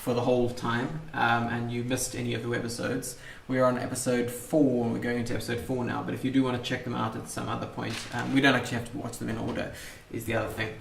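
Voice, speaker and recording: A man's voice: mid-range voice, monotone, fast, gravelly, few pauses. A man hosting a casual live stream who rambles with lots of fillers. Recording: echoey room, faint noise.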